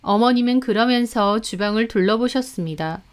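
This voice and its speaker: A woman narrating a dramatic first-person story in a measured way. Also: on the high side, clear, resonant tone.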